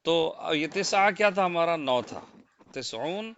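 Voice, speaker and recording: A man's voice: a little high, expressive, a bit bright, slight background noise. A man with a Pakistani Urdu accent teaching a slide-based language lesson, counting through lists patiently and often asking listeners to confirm they follow. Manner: patient, repetitive counting with rhetorical checks. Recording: dull, lo-fi dry close mic.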